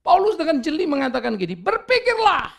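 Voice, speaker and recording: Gravelly, animated male preacher. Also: sits high, normal speed. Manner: animated preaching with dramatic voiced quotes; mixes in English words. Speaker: pastor. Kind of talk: sermon.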